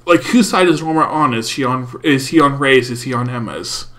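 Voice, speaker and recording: A man's voice: medium pitch, moderate pace. A man co-hosting a podcast, chatting casually through his notes about an anime episode. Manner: talks through notes, steady and agreeable. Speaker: podcast co-host. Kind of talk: casual anime review chat.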